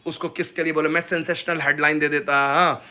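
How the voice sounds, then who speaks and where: A man's voice: on the high side, little pitch movement, a little fast, sharp tone, clear, resonant tone. A man, a fan reporter telling casual anecdotes in an interview, mixing Hindi and English and acting out what others said.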